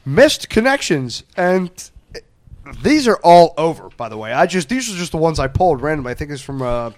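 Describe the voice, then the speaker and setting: A man's voice: on the high side, normal speed. A man hosting a comedy podcast, chatting casually and laughing a lot. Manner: laughing, animated, jokey. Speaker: podcast host.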